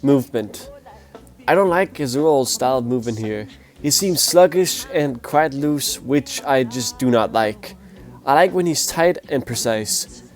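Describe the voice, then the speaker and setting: A music performance reviewer with a mid-range, sick-sounding nasal voice gives a blunt, opinionated casual video review, handing out scores. His intonation is lively and his pace measured, with soft background music.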